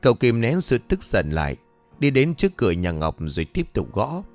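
A man narrating a scripted ghost story with expressive, animated storytelling. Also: mid-range voice, moderate pace. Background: faint background music.

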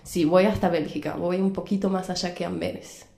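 A woman from Belgium speaks Spanish with a strong Argentine accent in a low, mellow voice. She is a cheerful, hesitant guest who uses many fillers. The room is echoey, with faint music behind. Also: steady tone, moderate pace, gravelly. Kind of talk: casual radio interview.

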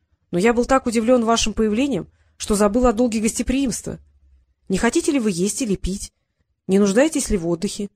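A woman doing a gentle, courteous young sultan. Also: on the high side, a little fast, breathy edge, no echo. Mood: sad. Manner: courteous, soft-spoken, sighing.

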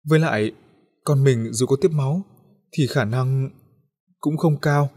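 Man playing a doctor dad, quiet and grave, husky, his own voice. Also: medium pitch, a little slow. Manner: grave, subdued.

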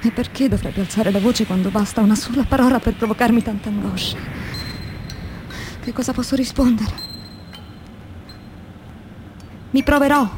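This actress pitches her voice on the high side and talks fairly quickly, with only light acting and some background noise. She portrays an exhausted, anguished factory hand sharing her diary in a radio monologue that shifts from quiet to vehement.

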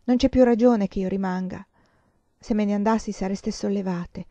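A woman's voice: medium pitch, steady tone, moderate pace, dark tone, dry recording, natural voice. A woman voicing an intense, earnest young female student with impassioned, emphatic speech in a storybook reading.

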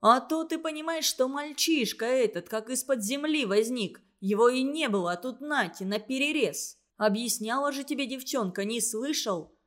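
A woman voicing an angry, blustering young male truck driver who shouts indignantly in a read-aloud story. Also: fairly high pitch, normal speed, lightly acted.

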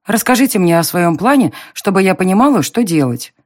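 A narrator playing a quick-tempered young woman in an audiobook reading, with a sharp and indignant delivery. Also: medium pitch, sing-song, dry recording, clean studio sound.

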